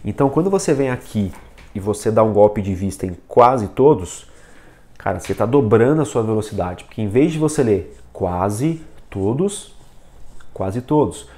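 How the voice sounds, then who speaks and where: Speaking a little fast, a man with a low, expressive, mellow voice teaches reading in a casual video. As a reading coach he talks straight to the camera and shows techniques with a book and pen.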